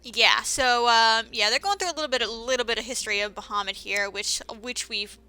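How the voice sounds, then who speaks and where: A woman's voice: fairly high pitch, a little fast, pushed and bright, clear, resonant tone, faint music behind. A woman giving casual, rambling commentary over a game playthrough, with many fillers and restarts. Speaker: let's-play commentator.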